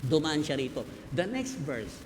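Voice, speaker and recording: A man with a Filipino accent preaching a sermon, emphatic, swinging between loud stresses and quiet asides. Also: on the high side, very animated, moderate pace, a little hiss or hum. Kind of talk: Taglish sermon. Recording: hall reverb, faint ambience.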